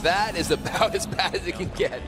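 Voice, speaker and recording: A man's voice: sits high, brisk, music in the background. A man giving color commentary on a card game match, explaining the plays in detail. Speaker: esports co-caster.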